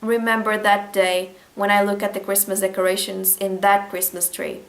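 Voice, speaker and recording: A woman's voice: medium pitch, flat delivery, moderate pace. A woman in her late teens speaking English as a second language, talking candidly and expressively in a casual personal vlog as she reads from her diary. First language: not English. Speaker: vlogger. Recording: roomy echo, music behind. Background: music.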